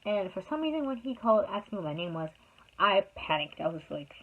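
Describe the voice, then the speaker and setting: Very animated and a little fast, a young woman vlogger with a mid-range voice tells her viewers a personal story. It's a casual, rambling storytime full of fillers, recorded with a tinny, phone-like quality.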